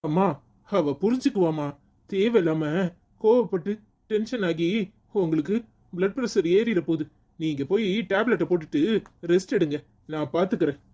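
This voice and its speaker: A man's voice: high-pitched, normal speed, pauses often, warm tone. A stern, protective father. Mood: reassuring. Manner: firm, emphatic delivery. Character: protective young father, stern then gentle. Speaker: father in a family drama. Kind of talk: TV serial acting.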